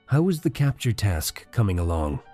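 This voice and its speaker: A man's voice: fairly low pitch, big pitch swings, moderate pace, dark tone, faint music behind. A man voicing an old, powerful male tycoon who speaks in curt, commanding lines. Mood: cold.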